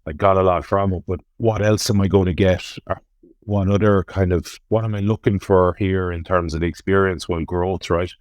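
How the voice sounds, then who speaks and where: Deep-voiced west of Ireland man. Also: fairly even intonation, moderate pace, no room sound, studio quality. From Galway, west of Ireland. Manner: earnest, emphatic, with rhetorical self-questioning. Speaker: interview guest, ocean rowing adventurer. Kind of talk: reflective conversational interview talk.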